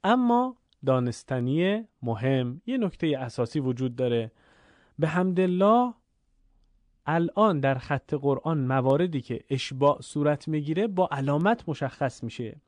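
A man teaching Quran recitation, explaining rules clearly and then chanting the examples slowly and drawn out. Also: on the high side, lively intonation, a little mellow, no echo. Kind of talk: recorded recitation lesson.

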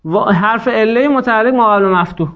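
A man teaching an Arabic grammar class, patiently explaining rules, quizzing students and slowing down to dictate word forms. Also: high-pitched. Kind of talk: classroom lesson. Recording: dull lo-fi sound.

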